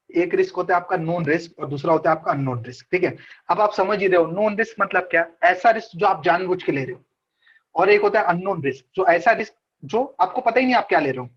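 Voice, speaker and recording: भारतीय लहजे वाला एक ट्रेडिंग मेंटर वीडियो कॉल पर अनौपचारिक ऑनलाइन क्लास लेता है, हिंदी-अंग्रेज़ी मिलाकर बातूनी अंदाज़ में बोलता है और बातें दोहराता रहता है। उसकी आवाज़ ऊँची और थोड़ी खुरदरी है, और कॉल का ऑडियो फीका, लो-फाई है।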